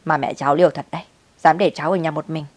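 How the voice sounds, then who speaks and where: A woman doing a loud, fussing neighbor auntie. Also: deep voice, fairly even intonation, fast, no echo. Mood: pitying. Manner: loud, worried calling.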